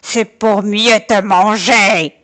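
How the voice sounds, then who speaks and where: A woman voicing a sly big bad wolf who drags out his words slowly and sweetly. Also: mid-range voice, lively intonation. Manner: slow, drawn-out and sly.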